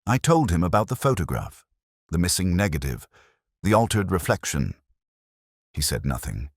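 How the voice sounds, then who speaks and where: A man with an extremely low voice reads a scripted first-person detective story in a solemn, literary manner. He keeps a measured pace but his pitch varies a lot, and the sound is close, dry and echo-free.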